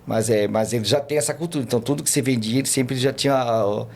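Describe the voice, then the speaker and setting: Speaking fast with vocal fry in a mid-range voice, this tour guide from Brazil is a guest on a podcast. His casual storytelling about his travels wanders, full of fillers and restarts.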